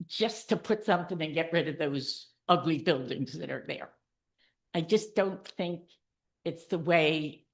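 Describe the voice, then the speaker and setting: A woman addresses a township council from the podium microphone during public comment. She speaks slowly and deliberately in a somewhat low voice. She reads through a list and then makes her point with earnest emphasis. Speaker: resident giving public comment. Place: township council meeting room.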